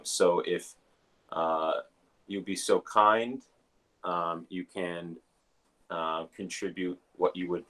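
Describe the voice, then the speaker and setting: Hosting an online service, a minister makes announcements and introduces a guest in a halting manner, using many filler sounds. His male voice is low-pitched and a bit bright.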